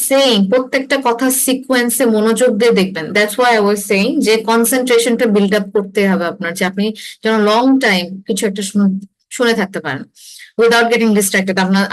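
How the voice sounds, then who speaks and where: Slightly high-voiced woman teaching a class. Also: rough recording. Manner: mixes Bengali with English phrases, explanatory. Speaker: IELTS instructor. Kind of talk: online class lecture.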